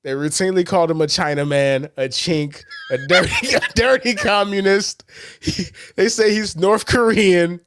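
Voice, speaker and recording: A man's voice: high-pitched, moderate pace, a bit bright, clean tone, dry recording, studio quality. A man co-hosting a sports podcast in casual talk, blunt and profane, telling stories animatedly and quoting others. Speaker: podcast co-host.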